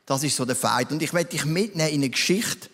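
A man's voice: fairly high pitch, fast, fairly bright tone, husky. A man with a Swiss German accent preaching a sermon, telling a Bible story conversationally and addressing listeners directly. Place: church hall. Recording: reverberant church hall.

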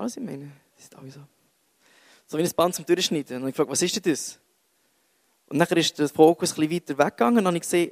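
A man's voice: on the high side, vocal fry, darkish tone, no echo. A young man with a Swiss German accent giving a casual, self-mocking sermon full of jokey asides. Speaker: youth preacher.

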